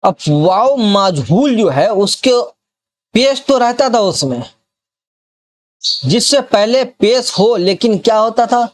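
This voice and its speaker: Man, Bihar accent, tutor: high voice, unhurried, drills word lists and checks the student is following. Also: lively intonation. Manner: slow, repeats example words and keeps checking the student follows. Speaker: Urdu grammar teacher. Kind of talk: classroom grammar lesson.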